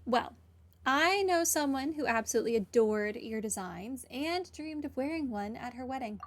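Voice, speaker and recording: A woman's voice: sits high, animated, moderate pace. A woman giving casual commentary as she plays through a video game. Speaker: gaming streamer. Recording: game music behind the voice. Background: game music.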